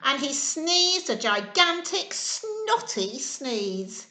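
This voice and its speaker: Hosting a children's storytime, a woman reads and chats with small children in simple, encouraging, sing-song speech. Her voice is high, bright and pushed, very animated, with drawn-out words. The room sounds roomy and echoey.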